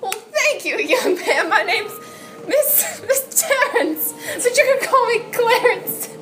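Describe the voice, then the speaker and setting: A woman's voice: very high voice, animated, slow pace, fairly bright tone, soft background music, exaggerated voice. A woman playing a portly, motherly, flustered female chef with an effusive, exclaiming delivery in a comic detective audio drama. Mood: delighted.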